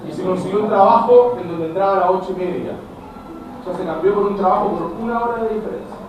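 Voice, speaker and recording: A man's voice: high voice, fast. A middle-aged Chilean man lecturing a class as a teacher, speaking directly to his students and acting out little dialogues. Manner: animated, addresses students directly, acts out dialogues. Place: school classroom. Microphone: camera at a distance. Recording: very echoey classroom, far from mic, noisy.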